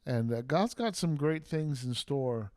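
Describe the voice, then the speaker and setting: A man with a mid-range voice, recorded dry and close with no room sound. He is a middle-aged co-host on a family podcast who speaks in a measured, affirming way. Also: mid-range voice, animated, darkish tone, no echo. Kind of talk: casual family podcast chat.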